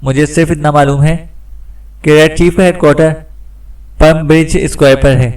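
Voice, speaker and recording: A man's voice: fairly high pitch, steady tone, normal speed, darkish tone, clear, resonant tone, recorded from a distance, lightly acted. A man voicing a frightened, captured male gang section chief in an audiobook, hesitant and stammering. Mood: scared.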